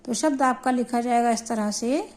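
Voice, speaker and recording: A woman teaching a Hindi grammar lesson, explaining slowly and deliberately and spelling out syllables for her students. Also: fairly high pitch, darkish tone.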